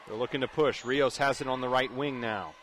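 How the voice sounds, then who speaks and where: A young adult man calls live radio play-by-play of a basketball game from an indoor high school gym, with clear gym noise, game sounds, and a bouncing ball behind him. His mid-range voice is a bit bright, fairly even in intonation, and a little fast.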